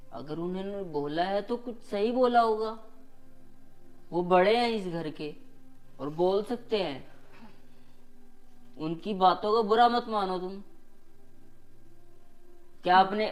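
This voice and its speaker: Actor as a weary young husband. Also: male voice, high-pitched. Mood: reproachful. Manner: reproachful and lecturing. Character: tired young husband home from office, loyal to elder brother. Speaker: actor in a family short film. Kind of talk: Hindi short-film drama acting.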